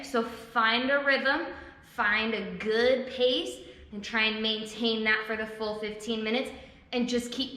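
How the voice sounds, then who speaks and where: A woman's voice: a little high, bright, forceful tone. A woman fitness instructor, out of breath, coaching a workout class and explaining each exercise step by step. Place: indoor gym or recreation hall. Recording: very echoey gym with long reverb.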